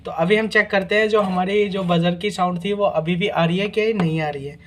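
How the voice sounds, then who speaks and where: High-voiced man explaining a repair. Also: steady tone, moderate pace, a little hiss or hum. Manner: explains step by step, often adds "guys" and "theek hai na". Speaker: repair tutorial host. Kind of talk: casual hands-on repair demonstration.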